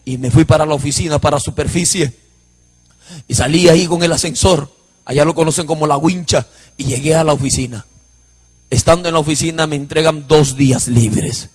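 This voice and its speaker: A man's voice: a little high, brisk, husky, long reverb tail. A man from Huánuco, preaching his personal testimony in an emotional, storytelling way. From Huánuco, Peru. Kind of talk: sermon testimony.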